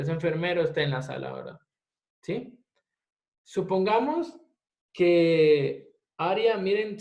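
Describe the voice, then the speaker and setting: A man teaching a step-by-step software tutorial, often asking his class rhetorical questions. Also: fairly high pitch. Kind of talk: screen-recorded software tutorial. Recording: echoey room, dull lo-fi mic.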